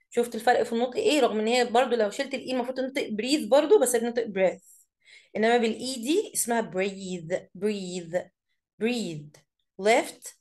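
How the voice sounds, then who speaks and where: A woman with an Egyptian accent teaching an English vocabulary lesson, saying each word slowly and then explaining it quickly. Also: a little high. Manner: reads words slowly, then explains briskly.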